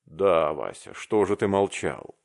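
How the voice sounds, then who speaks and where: A man voicing an excitable, effusive young clerk in an audiobook reading, exclaiming emotionally. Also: low-pitched, unhurried, vocal fry, pitched below the performer's own voice, heavily acted. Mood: excited exclaiming.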